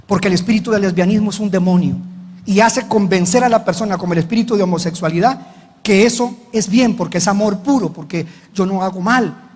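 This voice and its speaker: A man's voice: sits high, a little mellow, in a large hall. A man preaching as pastor, telling a story with dramatic retold dialogue. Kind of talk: sermon.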